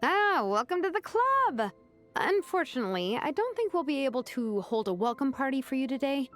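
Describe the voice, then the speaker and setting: A woman voicing a brisk young vice captain who runs the training. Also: sits high, very animated, fairly bright tone, soft background music. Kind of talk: game dialogue.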